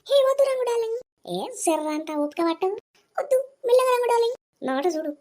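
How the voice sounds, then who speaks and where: A woman voicing a flirty village woman in a cartoon, speaking in high, squealing protests. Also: expressive, fast, warm tone. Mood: coy. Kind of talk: cartoon voice acting.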